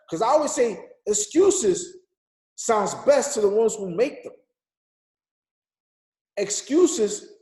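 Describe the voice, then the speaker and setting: A man's voice: high-pitched, warm tone. Guy in his 30s preaching motivation on a call, repeats himself for emphasis, echoey room. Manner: emphatic, repetitive, preacher-like exhortation. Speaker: motivational speaker. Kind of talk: motivational talk on a group call.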